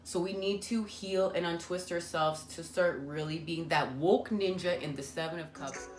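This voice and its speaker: A woman's voice: on the low side, normal speed, music in the background. A woman giving a spiritual tarot reading, talking earnestly and meandering with many fillers. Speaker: tarot reader. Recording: echoey room with faint ambient noise.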